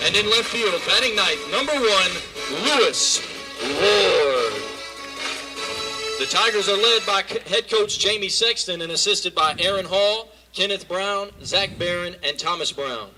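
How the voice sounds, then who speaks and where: A man calls out players over a distorted, fuzzy stadium loudspeaker, stretching each name out very slowly. His voice sits high, and loud music plays behind him at the outdoor ballpark. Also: expressive. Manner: slow, drawn-out announcing of names. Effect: distorted loudspeaker sound with fuzz, picked up near the speaker. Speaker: stadium PA announcer. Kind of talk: reading starting lineups over the ballpark loudspeaker. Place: outdoor high school baseball field.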